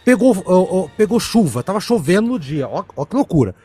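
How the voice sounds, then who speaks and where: A man's voice: high-pitched, big pitch swings, a little fast, dark tone, breathy edge, faint music behind. A man co-hosting a casual podcast chat, telling a story in a rambling way with many fillers. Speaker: podcast host.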